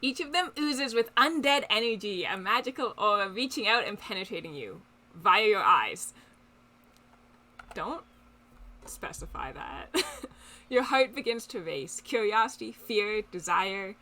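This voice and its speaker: Her voice is medium-pitched, bright, and forceful, animated yet a little slow. A young woman is playing a dating game on stream, casually chatting and reading its text out loud with giggly asides.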